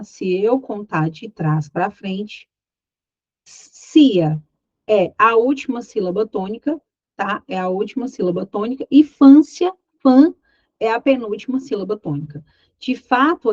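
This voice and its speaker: A woman's voice: medium pitch, no echo, muffled recording. Brazilian woman teaching grammar, dry sound. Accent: Brazilian Portuguese. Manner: explanatory, checks in with tags like "tá?"; voices imagined student questions. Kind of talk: online exam-prep lesson.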